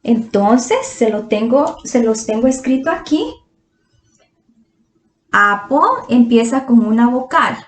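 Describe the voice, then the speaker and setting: A woman teaching English grammar to Spanish speakers, patient and drawn-out, asking her students quiz questions. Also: fairly high pitch, very animated, faint music behind. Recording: echoey room.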